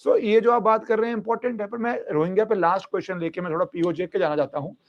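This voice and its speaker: High-voiced man hosting, dull sound. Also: fast talker. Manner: conversational, mixes Hindi and English. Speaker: host. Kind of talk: interview questions.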